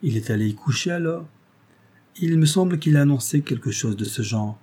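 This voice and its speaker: A man's voice: a little high, lively intonation, brisk, dark tone, husky, voice pushed up. A man reading a classic novel aloud, voicing an older baronet who questions his young wife fondly and a little reproachfully. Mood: puzzled. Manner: fond questioning, slightly reproachful. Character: older baronet, doting and fond husband. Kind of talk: audiobook character reading.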